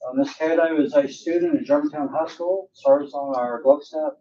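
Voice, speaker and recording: A man's voice: fairly high pitch, steady tone, normal speed. A man speaking as an alderman, reading out a formal resolution. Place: echoey municipal meeting room. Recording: roomy, distant mic, muffled, faint noise.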